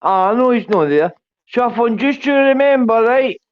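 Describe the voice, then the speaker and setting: High-pitched sweary Glasgow street-accent man. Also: animated, moderate pace, clear, resonant tone, dry recording. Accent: Glasgow Scottish. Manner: sweary, confrontational street talk. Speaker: livestream panel guest. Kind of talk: heated livestream argument. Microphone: online panel call. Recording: dull lo-fi voice-call audio.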